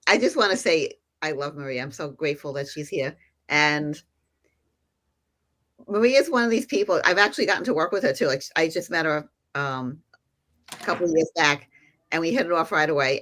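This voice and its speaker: A woman's voice: deep voice, animated, fairly quick, fairly bright tone. A woman co-host talking in a gushing, effusive way, chatty and full of like and you know. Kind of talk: casual chat.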